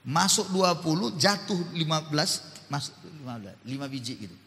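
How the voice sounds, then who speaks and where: Animated Batak-accented preacher in a hall. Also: male voice, on the high side, a little fast. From North Sumatra. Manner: animated preaching, swinging from quiet asides to loud exclamations. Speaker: pastor. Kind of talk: sermon. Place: church hall. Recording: reverberant church hall.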